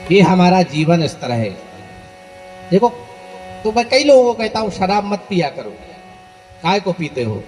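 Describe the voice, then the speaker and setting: A man's voice: high voice, sing-song, unhurried, long pauses, a little mellow, long reverb tail, faint music behind. A male preacher telling folksy stories to his listeners in a sermon, speaking to them directly and leading call-and-response. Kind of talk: sermon storytelling.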